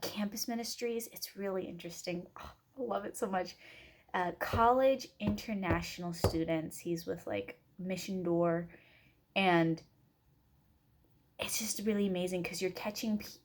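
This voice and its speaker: A woman in her twenties from Oregon, introducing herself as a student in a casual, rambling way with many fillers. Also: fairly low pitch. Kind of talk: casual self-introduction video.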